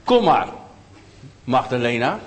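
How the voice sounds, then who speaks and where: A man doing a gentle coaxing grown man. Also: mid-range voice, big pitch swings, takes it slowly, big-room sound, pitched below the performer's own voice. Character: kind, calm grown man calling a child.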